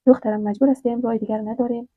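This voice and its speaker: A woman's voice: a little high, steady tone, breathy edge, dry recording. A woman voicing a grieving father. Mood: sorrowful. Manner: sorrowful, soft and resigned. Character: grieving elderly father, resigned and gentle. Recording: dry, tinny phone-like sound.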